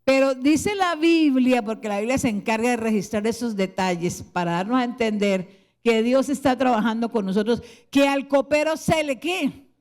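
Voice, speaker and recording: A middle-aged woman pastor with a Colombian Spanish accent preaching a sermon, slowing into soft, prayerful tones and then rising with emphasis. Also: fairly high pitch. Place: church sanctuary.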